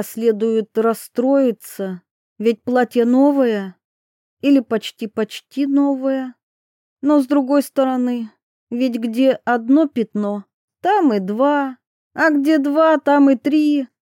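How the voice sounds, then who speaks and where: A woman narrating a literary audiobook in a measured, intimate way. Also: on the high side, dark tone, dry recording, studio quality.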